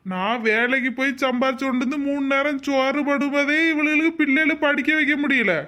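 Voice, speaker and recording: A woman's voice: high voice, steady tone, a little fast, bright, forceful tone. A woman doing a cruel, threatening husband. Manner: threatening, harsh.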